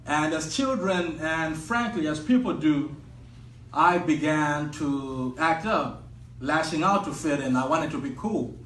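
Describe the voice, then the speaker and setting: A young man from Zimbabwe with a Zimbabwean accent, telling a personal story on stage at a live event in a measured, reflective way with frequent pauses. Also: fairly high pitch, a bit bright. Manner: measured, reflective, pausing often. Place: event venue with an audience. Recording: echoey room, distant mic, faint noise.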